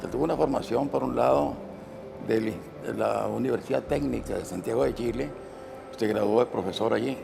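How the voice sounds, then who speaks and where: Man, documentary interviewee, heavily gravelly, music underneath. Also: medium pitch, brisk.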